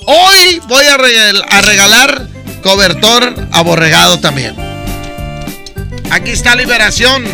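A Mexican man hosts a call-in radio show with a high, bouncy voice. He jokes loudly with callers while music plays clearly underneath. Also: a little slow, long pauses. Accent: Mexican Spanish. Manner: loud joking banter with callers. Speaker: radio DJ host. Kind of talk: lively radio show hosting.

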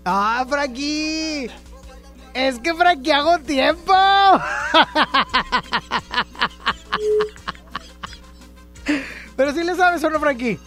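Woman, Mexican accent, radio host, playful, teasing, high-pitched, faint music under the voice. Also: unhurried, a bit bright. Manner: playful, teasing, laughs often. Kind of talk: casual call-in radio chat.

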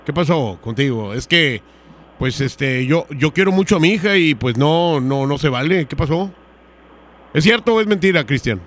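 A man's voice: on the high side, expressive, normal speed, a bit bright. A man hosting a radio show, pressing a caller for answers in a confrontational prank call. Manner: confrontational, interrogating and demanding answers.

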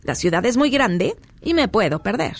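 A woman's voice: mid-range voice, very animated, normal speed, gravelly, slightly rough, faint music behind, heavily acted. A woman voicing an impatient, mocking female Death skeleton in rhymed verse. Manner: read aloud in verse.

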